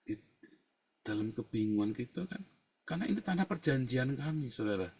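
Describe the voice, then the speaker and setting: A male pastor, preaching conversationally to his congregation and swinging between quiet asides and loud, emphatic outbursts. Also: medium pitch, animated, fairly quick, breathy edge. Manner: conversational preaching, constantly addressing listeners as brothers and sisters. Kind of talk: sermon with personal testimony.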